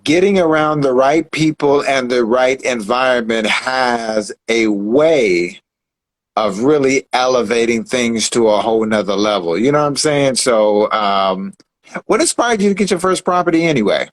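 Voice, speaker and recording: A man's voice: medium pitch, expressive, normal speed, low-quality recording. Enthusiastic man co-hosting an online show. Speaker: co-host. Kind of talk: casual online show chat.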